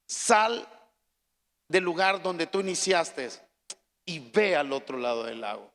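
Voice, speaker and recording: A man preaching a sermon as pastor, swinging from soft, hushed pleading to loud, shouted calls to the congregation. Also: a little high, takes it slowly, big-room sound.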